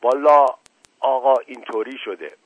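A man's voice: medium pitch, slightly rough, no echo, close to an everyday voice. A man voicing a stubborn, dutiful male servant who answers in a dry, curt, evasive way. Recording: narrow phone-like sound.

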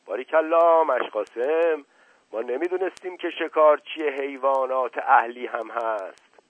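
Man doing a joking aristocrat, bossy and quick, husky, tinny phone sound. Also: mid-range voice, no room sound, natural voice. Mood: teasing, urgent. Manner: teasing, commanding. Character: playful aristocratic middle-aged man, witty and bossy. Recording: narrow phone-like band, dry.

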